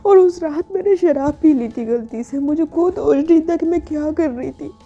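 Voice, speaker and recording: A woman's voice: high-pitched, moderate pace, mellow, pitched above the performer's own voice. A woman voicing an earnest young female employee who keeps pleading with her boss, in a dull lo-fi recording with faint music. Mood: firm, apologetic. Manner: insistent, repetitive pleading.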